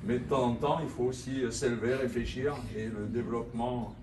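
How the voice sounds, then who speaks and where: A man who is a departmental councillor gives a rambling, halting speech at an exhibition opening, full of fillers. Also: medium pitch, steady tone, recorded from a distance. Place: exhibition room in an old town hall. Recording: echoey room, voice from afar, ambience noise.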